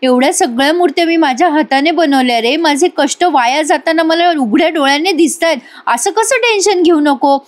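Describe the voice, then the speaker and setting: A woman's voice: sits high, a little fast, hardly any pauses, voice pushed up, lightly acted. A woman voicing a distressed young idol maker, pleading and anxious in a raised voice.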